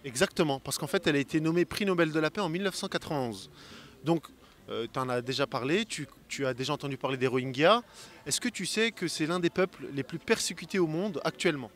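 A man's voice: a little high, fast talker, fairly bright tone. A young man doing a street interview outdoors on a city square with a handheld mic, explaining in an earnest way.

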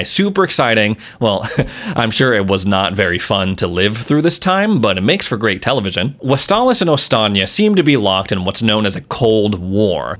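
A male YouTuber talking through a topic in a casual, enthusiastic way, with slangy asides. His voice sits somewhat low, but his pitch swings widely. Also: fairly bright tone. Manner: enthusiastic, chatty, lightly profane asides. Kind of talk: casual explainer video.

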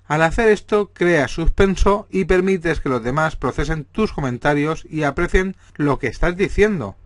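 A man with a Spanish accent, reading a list of tips aloud in a measured, steady way as the presenter for a real estate firm. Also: fairly high pitch, no echo. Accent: Spain. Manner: measured, steady delivery of numbered points.

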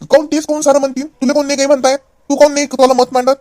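A man's voice: very high voice, flat delivery, racing, a little mellow. A young man playing an educated nephew in a comedy skit, lecturing insistently.

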